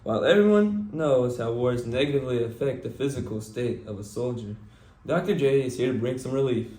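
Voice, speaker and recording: A man's voice: mid-range voice, animated, brisk, mellow, distant mic, close to an everyday voice. A man playing an earnest 1940s news anchor, reading a scripted newscast in a formal way. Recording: echoey room.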